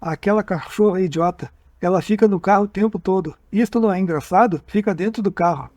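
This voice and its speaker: A dazed hypnotized man reliving a strange night on a dark road, halting and stumbling over his own words, as a man reads him aloud. The voice sits fairly high and dry, with no room around it. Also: no echo. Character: frightened man reliving an abduction under hypnosis.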